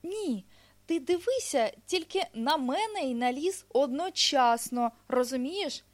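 A woman's voice: high voice, lively intonation, measured pace, pitched above the performer's own voice. A woman voicing a small earnest hedgehog in a storybook, insistently explaining.

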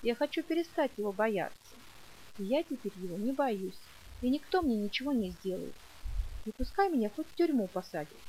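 A woman's voice: on the high side, animated, normal speed, a little mellow, a little hiss or hum, lightly acted, poor audio. A woman reading an audiobook and voicing a willful, defiant young girl who explains herself with stubborn childish logic.

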